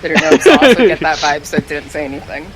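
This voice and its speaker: A woman's voice: low voice, big pitch swings, brisk, crowd noise, poor audio. A woman playing a tabletop game, chatting casually and bluntly, with casual swearing. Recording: clear background noise.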